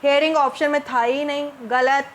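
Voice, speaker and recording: With faint hiss in the background, a woman teacher with a high, steady voice goes through multiple-choice questions for exam prep. She reads each set of English options slowly, then explains them in Hindi and poses rhetorical questions.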